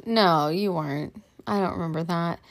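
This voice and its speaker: A woman's voice: on the low side, normal speed. A woman co-hosting a casual podcast chat with her husband, chatty, laughing often, full of fillers. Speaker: podcast co-host.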